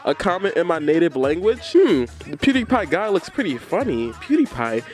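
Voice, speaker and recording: A man's voice: fairly high pitch, sing-song, moderate pace, darkish tone, soft background music, voice pushed up. A man putting on the voice of a surprised male viewer musing over a comment. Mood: curious. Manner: raised, curious, musing voice.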